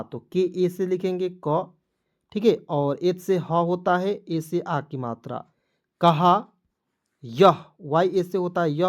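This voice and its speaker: A man's voice: high voice, a little mellow. A man giving a step-by-step online spelling lesson, often checking in with his viewers and repeating each step. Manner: repetitive, addresses viewers as friends, checks with "ठीक है". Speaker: online English tutor.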